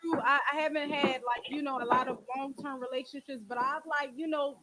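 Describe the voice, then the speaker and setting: Crowd noise sits behind this Philadelphia woman in her twenties as she hosts her podcast and call-in show, talking frankly about relationships. Her high-pitched voice moves briskly with fairly even intonation, and her manner is blunt and emphatic, packed with street slang and cursing.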